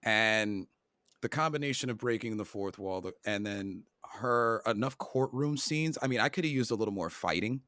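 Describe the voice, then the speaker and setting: Low-pitched man, podcast co-host, dry close mic, emphatic and enthusiastic. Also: animated, normal speed, bright, forceful tone, no room sound. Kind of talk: casual chat.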